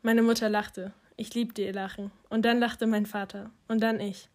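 A woman's voice: on the high side, level tone, normal speed. Woman narrating an audiobook. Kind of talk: first-person audiobook narration.

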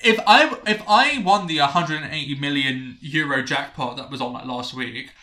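A man's voice: fairly high pitch, moderate pace, roomy sound, crowd noise. A young man in casual chat, rambling and correcting himself, swearing now and then.

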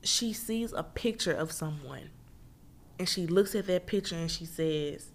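Speaking a little slowly in a low, deep register, a woman from Memphis, Tennessee runs an easygoing book review. She's talkative and slangy, addressing her audience directly as friends.

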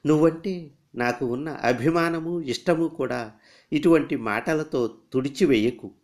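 A steady, composed young woman in a storybook reading, as a male reader puts her on in a lifted voice. She talks firmly and with conviction, then softens into gentle coaxing. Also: fairly high pitch, measured pace, voice pushed up. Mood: scornful. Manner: stern then gently pleading. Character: firm, composed young woman scorning weakness.

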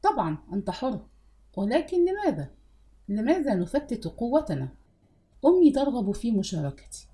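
A woman's voice: a little high, very animated, moderate pace, mellow. A woman reading the part of a desperate, bitter middle-aged uncle in an audiobook, pleading. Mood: uneasy.

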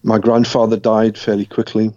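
A middle-aged Scottish man, appearing as an interview guest, tells his life story in a low, flat voice. He speaks in a measured, reflective manner with small restarts, and the recording is dry, slightly muffled, and free of room sound.

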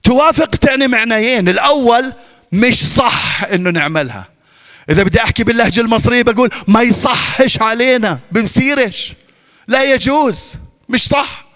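A man's voice: extremely high pitch, lively intonation, a little fast, a bit bright. A male pastor with a Levantine Arabic accent, preaching emphatically and repeating his points with rhetorical questions. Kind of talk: sermon. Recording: long reverb of a large hall.

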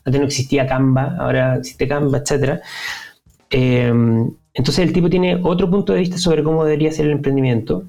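Mellow-voiced Chilean man, chatty guest. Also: a little high, brisk, vocal fry, soft background music. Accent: Chilean Spanish. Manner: relaxed, chatty, frequent fillers and restarts. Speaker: podcast guest. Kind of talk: casual interview chat.

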